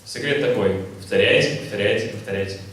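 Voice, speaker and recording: A man interpreting a lecture into Russian, working briskly and correcting his phrasing as he goes. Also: lowish voice, a bit bright. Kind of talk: consecutive translation of a lecture. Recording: echoey hall, from far off.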